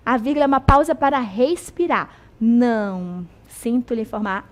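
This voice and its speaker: A woman with a Brazilian accent teaches a video class, explaining points in a chatty, conversational way. She keeps checking in with her students through short tag questions. Her voice sits slightly higher than most women's. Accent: Brazilian Portuguese.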